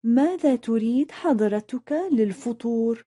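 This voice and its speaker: A woman, carefully repeating lesson phrases one by one in a clear, scripted way. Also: on the high side, a little slow, mellow. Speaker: language lesson speaker.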